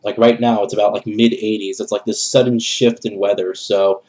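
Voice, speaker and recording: Sitting in a small bedroom, a young gaming vlogger with a cold speaks at normal speed in a lowish, level, slightly mellow voice that sounds nasal and congested. He rambles casually to camera with a channel update, captured in a rough recording.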